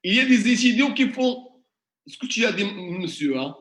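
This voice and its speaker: A man's voice: high-pitched, expressive, normal speed, a bit bright. A man teaching a classroom tutorial, questioning the class and working through examples step by step. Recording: echoey classroom.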